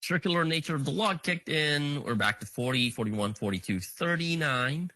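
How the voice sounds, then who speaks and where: A man giving a conference talk, talking through a live demo as he goes. His voice is bright and forward, and it rises and falls a lot. The sound is dry and close, with no room echo. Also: on the high side, lively intonation, moderate pace. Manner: thinks aloud, counts items on screen, frequent fillers. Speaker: conference presenter. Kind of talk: live technical demo walkthrough.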